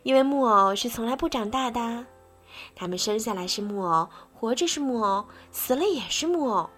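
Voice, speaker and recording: A woman voicing a kind, patient fairy who becomes a mother figure in a bedtime story, in a gentle way. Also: a little high, animated, normal speed, soft background music.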